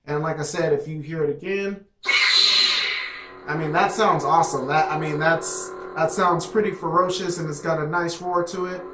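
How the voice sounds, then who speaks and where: A man's voice: fairly high pitch, fairly even intonation, normal speed, over music. A man casually reviewing a product, rambling with many fillers and restarts. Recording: echoey room.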